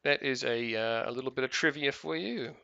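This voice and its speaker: A man's voice: medium pitch, a little fast, creaky, bright, forceful tone, no echo, lo-fi sound. A man with a New Zealand accent chatting casually while playing a game, rambling with lots of fillers and restarts. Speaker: gaming video host.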